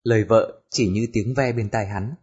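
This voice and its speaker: A man narrating an audiobook in a steady storytelling voice. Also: lowish voice, normal speed, slightly rough. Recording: dull lo-fi recording with music.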